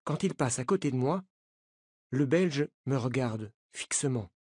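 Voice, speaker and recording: A narrator reading a novel aloud in a slow, clear, learner-paced way. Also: mid-range voice, expressive, darkish tone, no echo, clean studio sound. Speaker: audiobook narrator. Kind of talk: scripted narration of a graded-reader novel.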